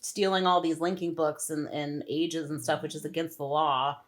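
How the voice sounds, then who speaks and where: A woman's voice: deep voice, moderate pace. A woman co-hosting a book club podcast, chatting casually and acting out lines from the story. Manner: animated, slangy retelling with quoted asides. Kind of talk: casual chat.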